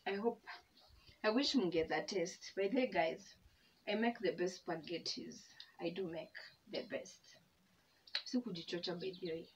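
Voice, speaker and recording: A young Kenyan-accented woman, her voice on the low side and her pace measured, chats casually with her viewers as she eats. This vlogger is open, emotional and grateful, switching between languages as she talks; the distant mic gives a dull sound with a faint hum behind it.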